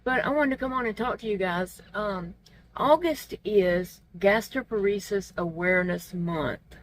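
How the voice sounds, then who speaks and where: A woman with soft, toothless, gummy articulation, feeling unwell, chatting candidly and casually to her vlog viewers. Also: mid-range voice, unhurried, slight background noise. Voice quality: toothless, gummy articulation from not wearing teeth. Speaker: vlog host. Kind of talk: casual personal vlog chat.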